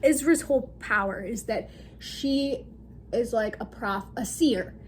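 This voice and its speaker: A woman's voice: a little high, measured pace, slight background noise. A young woman recapping a book in a casual, giggly, rambling way, breaking into laughter as she talks. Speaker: book vlogger.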